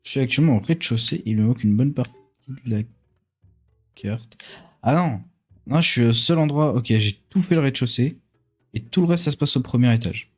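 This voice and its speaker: A man's voice: mid-range voice, brisk, a little mellow, soft background music. A man doing casual let's play commentary, thinking aloud in an informal, self-mocking way.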